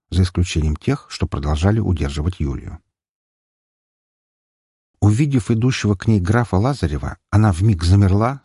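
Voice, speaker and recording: Deep, husky male audiobook narrator. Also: dark tone, no room sound, studio quality. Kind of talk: first-person audiobook narration.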